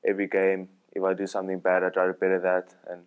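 Man, 19, South African accent, quiet, low, monotone. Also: quick pace, clear, resonant tone, narrow, tinny audio. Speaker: ice hockey player. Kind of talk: interview answers.

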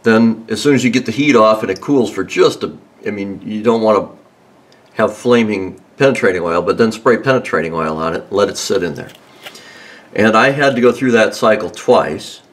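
Low-voiced man explaining car repairs. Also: moderate pace. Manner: relaxed, rambling, with many ums and restarts. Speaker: home mechanic host. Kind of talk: casual how-to demonstration. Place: under a car in a garage.

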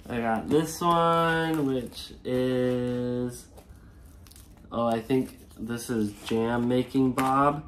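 A woman's voice: a bass voice, fairly even intonation, extremely slow, a little hiss or hum. A young woman chatting casually as a travel vlogger, easygoing and matter-of-fact while opening toys in a hotel room. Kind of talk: casual chat.

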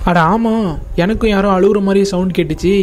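A man's voice: sits high, fairly even intonation, fairly quick, a little mellow, soft background music, natural voice. A man playing an easygoing game hero and narrating a gameplay video, speaking plainly and giving instructions to his friends and viewers.

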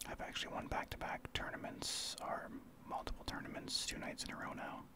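A man from Saskatchewan, Canada, speaking in a soft breathy whisper as an ASMR streamer, explaining his gameplay in informal gamer talk. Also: brisk. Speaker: streamer, ASMR channel host.

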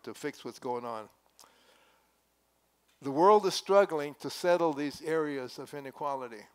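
Preaching at a wooden pulpit in a church sanctuary, an older pastor speaks in a mid-range voice through a headset microphone. His sermon sounds earnest and conversational, with emphatic upward inflections.

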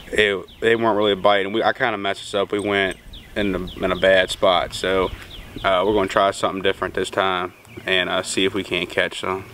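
Out on a lake in a small boat, a young man narrates his fishing in a low, level, fairly bright voice at a brisk pace. He's laid-back and self-mocking, recorded on an action camera mic with slight background noise.

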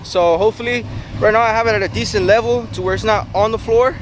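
A man in his twenties chatting casually to a vlog camera, slangy and sweary with lots of hesitant pauses, recorded on a handheld camera. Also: high voice, steady tone. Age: 20s. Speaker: vlogger. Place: outdoors and inside a moving truck. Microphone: handheld camera at arm's length. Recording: loud vehicle and outdoor noise.

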